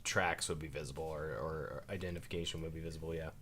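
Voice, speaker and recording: A man's voice: rumbling low, steady tone, quick pace, pushed and bright, slight background noise. A man chatting casually as a player in a tabletop role-playing game.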